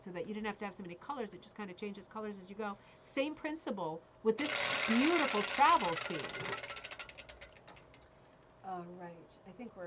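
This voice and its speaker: A woman hosting a casual live craft show as bingo caller, chatting with frequent check-ins and reading out details. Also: medium pitch. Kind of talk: casual live show chat with read-out descriptions. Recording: clearly audible background noise.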